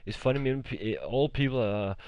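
A man from Denmark with a Danish accent, casually commenting on his game stream in a blunt, halting way, with many fillers and restarts. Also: medium pitch, animated, a little mellow, dry recording, highs cut off. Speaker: gaming streamer.

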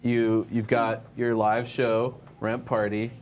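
An actor playing an awkward young wannabe filmmaker who interviews guests in a deadpan, flat manner at a studio desk. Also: male voice, medium pitch, takes it slowly, a little hiss or hum, natural voice. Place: TV studio set, seated at desk.

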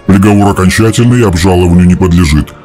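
A man's voice: low-pitched, fast talker, dark tone, close to an everyday voice. A man voicing a stern, pompous cartoon timekeeper spirit who makes formal, humourless pronouncements.

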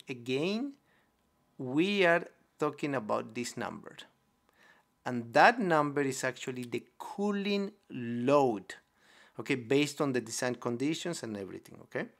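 A man teaching equipment sizing over a whiteboard screen recording, explaining step by step, repeating key terms, checking in with "okay?" and correcting himself as he goes. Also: medium pitch. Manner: self-correcting restarts. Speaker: HVAC instructor. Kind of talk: screen-recorded technical lesson.

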